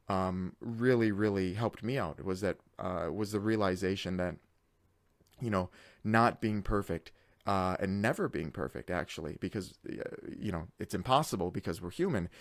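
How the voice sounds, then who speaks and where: A man hosting his own video channel, talking through his thoughts in a reflective solo monologue, often pausing on filler words and restarting sentences. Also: on the low side, no room sound. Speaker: YouTube host.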